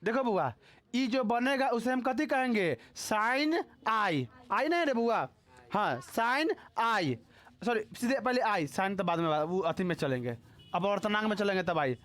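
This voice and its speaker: A man's voice: high-pitched, lively intonation, normal speed. Bihari guy teaching physics to a class, keeps asking if anyone has doubts, teasing and scolding the kids. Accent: Bihari Hindi. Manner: repeatedly quizzes students, scolds and teases them. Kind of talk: live classroom lecture.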